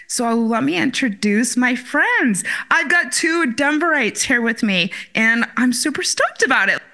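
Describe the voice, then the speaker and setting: Bright-voiced woman hosting a podcast. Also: sits high. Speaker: podcast host. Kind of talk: casual hosted chat.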